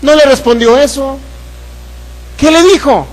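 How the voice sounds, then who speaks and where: High-voiced Mexican preacher. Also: male voice, a little slow, rough recording. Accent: Mexican Spanish. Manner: preaching, questioning the congregation; acts out voices from the Bible story. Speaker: pastor. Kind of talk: sermon.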